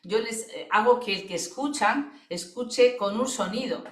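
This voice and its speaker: A woman, a singing therapist giving a webinar lesson in a thoughtful, unhurried way, often checking in with her listeners by asking if they follow. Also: a little high. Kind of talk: teaching talk. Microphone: video call microphone. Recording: echoey room.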